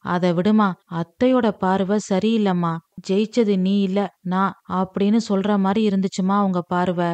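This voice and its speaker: A woman's voice: medium pitch, steady tone, moderate pace, darkish tone, dry recording, lightly acted. A woman voicing a young scheming daughter-in-law, complaining anxiously to her mother. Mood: uneasy.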